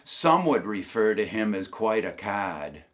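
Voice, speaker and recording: A man's voice: lowish voice, very animated. Folksy male storyteller with a Maine accent. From Maine, New England. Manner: halting and repetitive, with colloquial local expressions. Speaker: humorous storyteller and video host.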